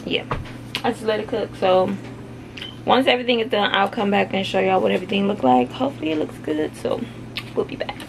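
A woman's voice: mid-range voice, brisk, gravelly. A young adult woman vlogging casually as she cooks, talking loosely to her viewers and swearing now and then. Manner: loose, chatty, swears, talks straight to viewers. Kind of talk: casual cook-along vlog. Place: small home kitchen, indoors. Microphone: handheld camera, moved around. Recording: noisy home recording.

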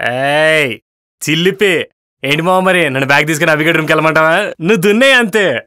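A wisecracking young bachelor. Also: male voice, a little high, a little fast, bright, forceful tone, clean tone, no echo, studio quality. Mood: teasing. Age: young adult. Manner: teasing, philosophizing friend. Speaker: bachelor roommate. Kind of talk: scripted comedy web series.

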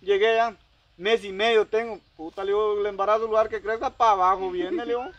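A man's voice: high voice, fairly even intonation, brisk, fairly bright tone, muffled recording. Rambling man telling a story. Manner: rambling, heavy use of quoted dialogue. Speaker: storyteller recounting a personal dispute. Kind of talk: casual storytelling.

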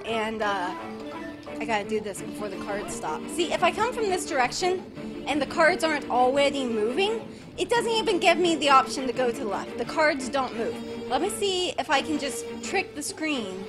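High-pitched young woman streaming a game, rambling and fed up, voice kinda worn out, game music clear behind her. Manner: chatty, rambling and exasperated, bursting into shouting. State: voice worn from screaming. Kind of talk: live gameplay commentary.

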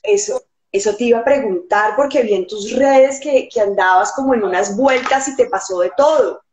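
A woman's voice: on the high side, lively intonation, moderate pace, a little mellow, echoey room, slight background noise. A woman hosting a live interview, introducing her guest with enthusiasm. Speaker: host.

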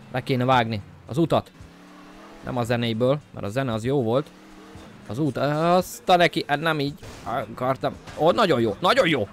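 A man giving casual let's-play commentary, joking to his viewers and breaking into excited yelps and shouts at the game. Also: mid-range voice. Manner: jokey self-talk to viewers. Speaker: gameplay commentator.

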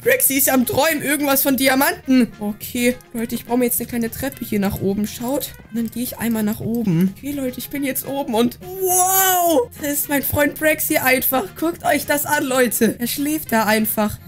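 A woman gaming YouTuber commenting excitedly on a Minecraft prank, constantly talking to her viewers. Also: high voice, normal speed, hardly any pauses, faint music behind. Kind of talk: Minecraft let's play commentary.

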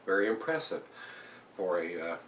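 An older man talks casually on camera as a beer reviewer, chatty and relaxed, with lots of fillers, filmed at home in a small room. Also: deep voice, normal speed, slight background noise. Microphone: camera across the room. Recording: roomy and distant from the mic.

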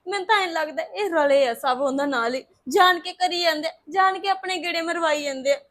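This clip is Punjabi web-series acting: a woman voices a distressed young wife who begs for justice through tears, worried and pleading. She speaks briskly, very high-pitched, with a fairly bright tone.

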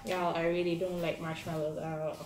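A woman's voice: on the low side, flat delivery, brisk. A young woman chatting casually and playfully as host of a home challenge video, picked up by a camera across the table. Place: home dining room, indoors. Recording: echoey room with background noise.

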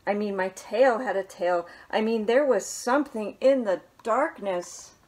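Reading a picture book aloud in her small living room at home, a woman in her thirties, a children's librarian, speaks gently and without hurry, with soft, hushed asides. Her voice is medium-pitched.

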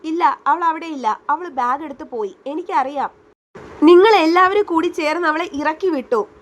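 A woman's voice: sits high, moderate pace, close to an everyday voice. A woman voicing an angry, possessive young man who gives orders in a spoken romance story. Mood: urgent. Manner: commanding, forceful.

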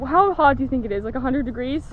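Speaking fast in a high voice, a teen vlogger chats bubbly and casual to an action camera she holds at arm's length. The sound is phone-like with heavy background noise, and she keeps saying "oh my gosh" as she films on a sailboat and a sunny beach.

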